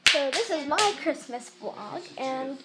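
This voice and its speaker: It's Christmas at the family home, and a young woman vlogs on a handheld camera, giggling and chatting away to viewers. Her high voice is sing-song and slow, under heavy background noise.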